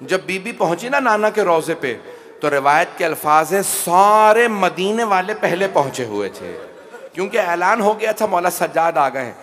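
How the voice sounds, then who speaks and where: A man preaching a mournful majlis sermon as a cleric, rising into loud wailing cries and then softer pleading prayers before a congregation. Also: high voice, animated, normal speed. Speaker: Shia cleric reciting a majlis.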